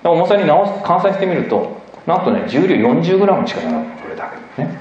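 A man giving an emphatic, animated public lecture with slides, often asking the audience questions. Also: on the high side, fast talker, a little hiss or hum. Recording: echoey hall, dull lo-fi recording.

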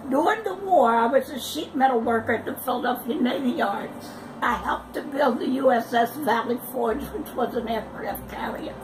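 A woman's voice: fairly high pitch, moderate pace, over music, poor audio. A woman in her nineties proudly recounting her wartime work. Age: 90s. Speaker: interviewee, former sheet metal worker. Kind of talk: personal testimony.

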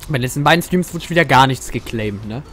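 Joking German male streamer at mid pitch, chatty and crude, faint game music underneath. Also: expressive, fast talker, fairly bright tone. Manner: chatty, joking, swears freely, talks to chat. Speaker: gaming streamer. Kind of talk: casual let's-play commentary.

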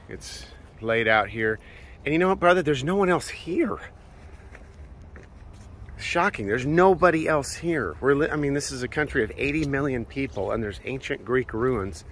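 A man's voice: mid-range voice, fairly bright tone, a little hiss or hum. Earnest preaching man filming outdoors on phone. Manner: earnest, preachy, many filler "uh"s. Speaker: preacher vlogger. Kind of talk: outdoor walking vlog with preaching. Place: outdoor ancient ruins, open hillside. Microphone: phone held at arm's length.

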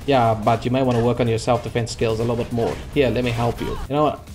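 Young man, let's play commentary, sarcastic, frustrated, mid pitch, desk mic, faint game music behind. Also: level tone, fast talker. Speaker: gaming channel host. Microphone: desk microphone.

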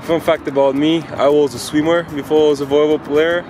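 A Bulgarian-accented volleyball player in his twenties talks casually about himself in an interview, his voice fairly high, level and fast. The distant-mic recording is very echoey and noisy, with music behind, set on an outdoor beach and in an indoor trophy room.

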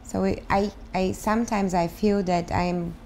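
A woman in her thirties from Bulgaria, speaking English with a Bulgarian accent, answering interview questions thoughtfully and pausing to search for words. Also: mid-range voice, steady tone, warm tone, a little hiss or hum. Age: 30s. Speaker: guest, start-up founder. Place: living room, on a sofa.

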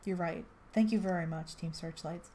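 A woman reading a story aloud, voicing a calm, courteous leader in a soft, even tone. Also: fairly low pitch, moderate pace, a little hiss or hum, lightly acted. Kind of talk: amateur fan-fiction read-aloud.

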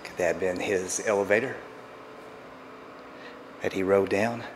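A man, awed and hushed as he thinks aloud on a walking tour of an empty hotel suite. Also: sits low, fairly even intonation, measured pace, a little hiss or hum. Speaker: travel vlogger.

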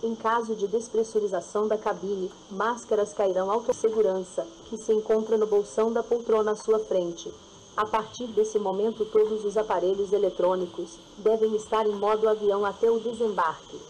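Female cabin chief making a scripted in-flight cabin announcement, polite and measured, mid-pitched, with a faint noise bed. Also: fairly even intonation, a little mellow, rough recording. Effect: in-flight cabin announcement played in a flight simulator.

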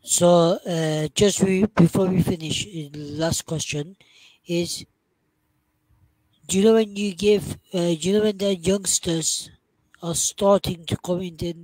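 A man's voice: high-pitched, fairly even intonation, slow, a little mellow, no room sound, rough recording. A young man hosting an interview, putting his questions together piece by piece with some hesitation. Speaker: interviewer, host. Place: small room indoors on a video call. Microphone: headset mic.

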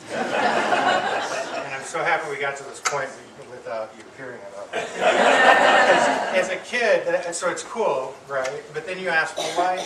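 A middle-aged man from the family gives a eulogy, an affectionate personal remembrance to an audience in a medium-sized indoor hall. His slightly high voice comes through a distant mic with roomy sound and clear background noise. He speaks haltingly, pausing and repeating words.

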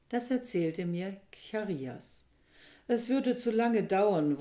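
A woman reading a novel aloud with measured, dramatic storytelling. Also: lowish voice, mellow. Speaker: reader. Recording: echoey room.

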